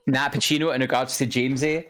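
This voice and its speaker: A man's voice: mid-range voice, a bit bright. A man co-hosting a casual podcast, reading viewer comments aloud with many fillers and restarts. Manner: hesitant, many fillers and repeated words. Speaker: co-host reading chat.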